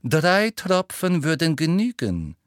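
A cold, sneering male teacher, voiced by a male reader, speaks in a smooth and sardonic drawl. Each word sounds indifferent and unhurried. The recording is close and dry. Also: a little high, huge pitch swings, no room sound, voice pushed up, exaggerated voice.

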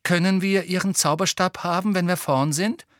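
A man's voice: high voice, steady tone, moderate pace, a bit bright, no room sound, clean studio sound, voice pushed up. Harry, a man doing a wary teenage boy. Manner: pointed and uneasy. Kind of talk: audiobook character voice.

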